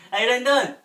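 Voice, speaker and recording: Teen boy, casual giggly teaser with animated intonation, off-mic in an echoey room with faint noise. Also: high-pitched. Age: teens. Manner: teasing, giggly. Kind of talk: casual teasing chat with a friend. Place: bedroom, indoors. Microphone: phone or camera at a distance. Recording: roomy, distant, noisy phone video.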